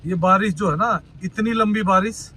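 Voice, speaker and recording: A travel vlogger in a car stuck in traffic, with the outdoors around him, chats casually with viewers, calling them "brother" and sounding worried about the roads. His voice sits high and comes out pushed and bright at a moderate pace, on poor audio.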